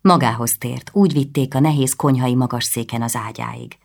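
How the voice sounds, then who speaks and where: Low, gravelly woman narrator. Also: darkish tone. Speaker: audiobook narrator. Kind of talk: scripted narration.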